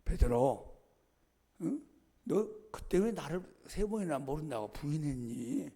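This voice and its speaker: A man preacher voicing a gentle teacher who calmly questions his disciple in a lower, softer voice. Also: measured pace, vocal fry, husky, exaggerated voice.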